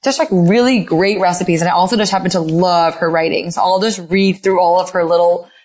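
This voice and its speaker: A woman's voice: lowish voice, brisk, darkish tone. Gushing woman talking food and gadgets. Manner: enthusiastic, gushing, lots of "like" and "oh my God". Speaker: guest, cooking mom. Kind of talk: casual interview chat. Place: Los Angeles.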